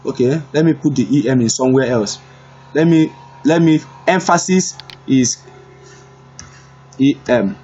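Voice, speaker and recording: A man giving a screen-recorded web development lesson, unhurried and repetitive, thinking aloud as he types. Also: mid-range voice, dark tone, husky, muffled recording, faint music behind. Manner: unhurried, repeats himself, thinks aloud while typing. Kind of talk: screen-recorded coding tutorial.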